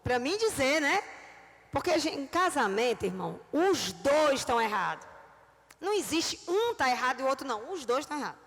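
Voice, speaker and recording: A woman, preaching a sermon with lively storytelling and acted-out voices. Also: sits high, fairly quick. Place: church. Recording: reverberant church hall.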